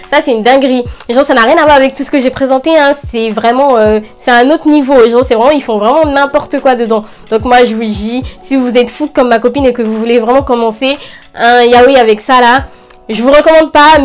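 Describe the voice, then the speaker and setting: A young woman talking casually and slangily as an enthusiastic anime fan, recommending things to her video audience. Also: sits high. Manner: informal youth slang. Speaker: anime review channel host.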